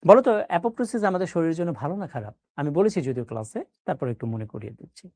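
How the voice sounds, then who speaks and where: Lively-voiced male teacher asking questions. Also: a little high, racing, dry recording. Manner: explains with everyday examples and checks understanding with questions. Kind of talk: classroom biology lesson.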